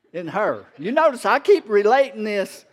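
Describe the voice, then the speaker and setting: A man preaching a sermon, joking and laughing often, calling for responses from the congregation and reading scripture slowly and emphatically. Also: sits high. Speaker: pastor.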